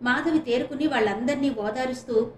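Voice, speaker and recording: A woman narrates a serial novel in an expressive storytelling voice. Her tone is fairly high, and the room gives it a noticeable echo. A faint hiss hangs under the home-made recording. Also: brisk. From Visakhapatnam, India. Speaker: audiobook narrator. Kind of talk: reading a serial novel aloud.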